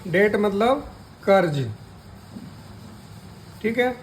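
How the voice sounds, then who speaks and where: A man teaches in a high voice at a slow, deliberate pace. He repeats each key word and asks questions he answers himself, with faint ambience behind him. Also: lively intonation, a little hiss or hum, low-quality recording. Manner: deliberate, drawn-out spelling of letters. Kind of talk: slow spoken lesson.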